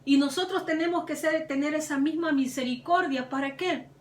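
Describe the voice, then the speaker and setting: Fervent high-voiced woman preacher. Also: normal speed. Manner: fervent preaching, voice climbing on emphasized words. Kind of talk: sermon. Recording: echoey room, mic at a distance.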